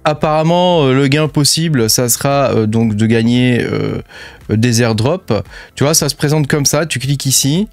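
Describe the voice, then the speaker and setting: A man's voice: mid-range voice, moderate pace, gravelly, dry recording, soft background music. A man with a French accent casually walking viewers through apps on his screen, chatty and full of fillers. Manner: chatty, lots of fillers and hein, addresses viewer as tu. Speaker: crypto channel host. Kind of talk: casual screen-share walkthrough.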